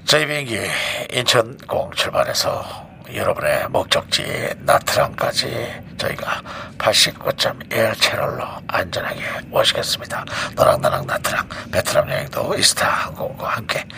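A man voices an airline captain on the cabin speaker, formal and assured, his low voice thick with gravel and swinging through a wide range. Clear ambient noise sits under the announcement. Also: expressive, moderate pace, sharp tone. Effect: pilot's cabin announcement over the plane's speaker. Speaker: radio segment opener. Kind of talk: scripted radio segment intro.

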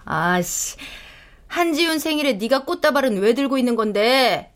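A woman's voice: high voice, lively intonation, normal speed. A woman voicing a touchy, cold young female lecturer who answers curtly in a voice drama. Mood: snappish. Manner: curt, snappish, defensive.

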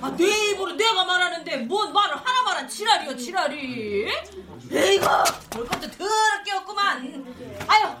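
Shrill, very old village granny. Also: female voice, lively intonation, normal speed. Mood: scolding. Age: elderly. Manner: grumbling, scolding. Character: very old, foul-mouthed, cackling village granny. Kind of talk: radio drama acting. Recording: roomy, very noisy background.

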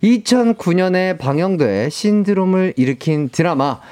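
A man hosting a radio talk show, playful and quick to laugh. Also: sits high, lively intonation, warm tone. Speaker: radio host.

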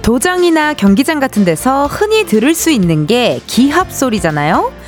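A woman radio DJ chatting on air in a bright, playful way and reading out listener texts. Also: on the high side. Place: radio studio. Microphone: studio microphone. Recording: dry radio studio mic, faint music behind.

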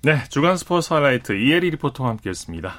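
A man's voice: mid-range voice, sing-song, fast, a bit bright. A man hosting a sports news segment, introducing items and questioning a reporter in broadcast style. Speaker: sports radio host. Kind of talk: broadcast interview hosting with short acknowledgements.

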